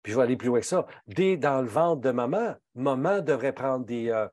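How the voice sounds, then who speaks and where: This man speaks with a Québécois French accent, delivering a pharmacist's health talk at a moderate pace with no echo. His darkish voice is expressive, and his indignant, emphatic manner shows in wide pitch swings.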